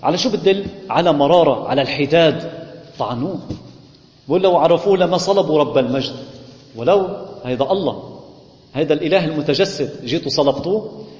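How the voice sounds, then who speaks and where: A man's voice: fairly high pitch, expressive, fairly quick, long pauses, a little mellow. A man, a priest teaching scripture in a Bible study sermon, asking the congregation questions and answering them himself. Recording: echoey hall, muffled lo-fi sound.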